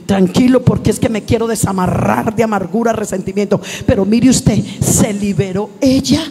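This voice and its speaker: A woman preacher giving a fervent church sermon, shouting calls out to the congregation. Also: mid-range voice, normal speed, noisy background. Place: church sanctuary. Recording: long hall reverb in a church.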